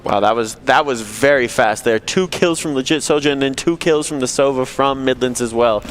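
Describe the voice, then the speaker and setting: A man's voice: mid-range voice, moderate pace, a little hiss or hum. A man giving conversational colour commentary on an esports match, with game gunfire behind him. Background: video game gunfire and ambience.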